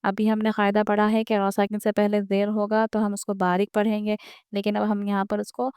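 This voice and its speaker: Patient woman teacher, crisp dry voice. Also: medium pitch, completely flat delivery, a little mellow, dry recording. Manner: patient, repeats each rule, draws out example words slowly. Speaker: Quran reading teacher. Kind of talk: step-by-step beginner lesson.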